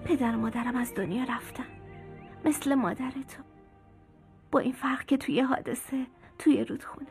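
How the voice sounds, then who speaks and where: A woman dubbing a kind young orphan girl in a film, talking gently and eagerly, softly hushed when sad, over faint music. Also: sits high, expressive. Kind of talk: dubbed film dialogue.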